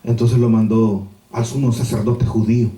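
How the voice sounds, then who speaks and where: A male pastor preaching an animated, storytelling sermon with rhetorical repetitions in a church. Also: lowish voice, moderate pace. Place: church sanctuary. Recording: echoey church from a distance.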